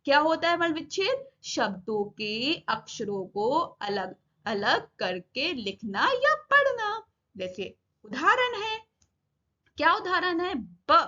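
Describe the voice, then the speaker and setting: A woman's voice: high-pitched, sharp tone, muffled recording. A woman teaching a grammar lesson to children, who asks a question after each point and then answers it herself.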